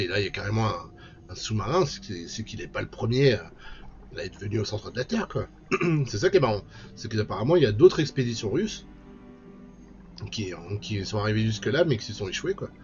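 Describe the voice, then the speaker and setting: A man's voice: medium pitch, lo-fi sound. A man streaming a game, chatting casually and playfully as he plays. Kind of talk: casual let's-play commentary.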